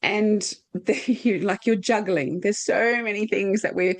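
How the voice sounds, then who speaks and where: A woman's voice: medium pitch, a little slow, dry recording. A middle-aged woman from Australia hosting an interview in a casual, chatty, rambling way. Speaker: podcast host.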